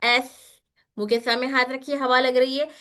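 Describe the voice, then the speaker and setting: A woman teaching Quran recitation in an online lesson, explaining slowly and carefully and repeating single sounds as examples. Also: high voice, flat delivery, fairly bright tone.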